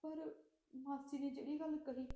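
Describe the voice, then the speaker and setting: A woman's voice: high voice, flat delivery, moderate pace, dark tone, reverberant, close to an everyday voice. A woman playing a hurt, indignant young sister. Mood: brooding, quiet. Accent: Punjabi. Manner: pleading, then indignant questioning. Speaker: actress in a Punjabi web drama.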